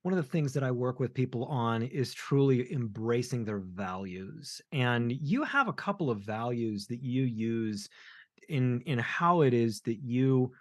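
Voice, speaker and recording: A man's voice: mid-range voice, lively intonation, a little slow, no room sound, clean studio sound. A man hosting a podcast interview, asking questions admiringly and stumbling over his first words. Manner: admiring, repeats words when starting. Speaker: podcast host.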